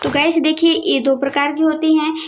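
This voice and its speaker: Woman teacher, high voice, talks viewers through a map, answers her own questions. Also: little pitch movement, a little fast, a little hiss or hum. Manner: asks questions and answers them herself; keeps addressing viewers as guys. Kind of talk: explaining a lesson over a map.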